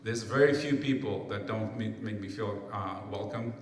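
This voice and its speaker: Peru-born guy answering forum questions, lowish voice, big echoey room. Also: normal speed, background noise. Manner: earnest, restarts phrases. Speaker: city council candidate. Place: public forum hall. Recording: echoey hall, mic far off.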